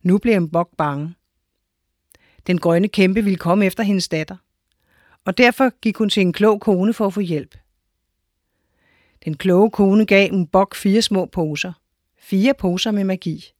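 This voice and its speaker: A woman's voice: medium pitch, long pauses, a little mellow, no echo, clean studio sound. Woman reading a children's story. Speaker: narrator.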